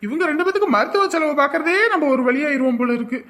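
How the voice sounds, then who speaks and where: A woman's voice: high voice, expressive, racing, a bit bright. A woman doing a fussing young village husband. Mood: worried. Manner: exasperated, fussing, pleading. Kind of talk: cartoon voice acting.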